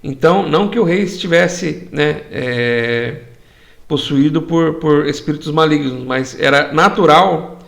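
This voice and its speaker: A man's voice: a little high, vocal fry. A man teaching a church Bible study, explaining words through rhetorical questions.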